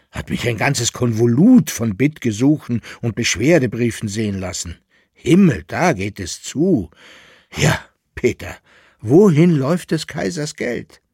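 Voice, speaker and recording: An exasperated merchant grumbles about his troubles in a dry, close radio reading. A man reads him with a husky voice that carries a steady note of complaint. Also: mid-range voice, no echo. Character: indignant middle-aged male merchant, grumbling.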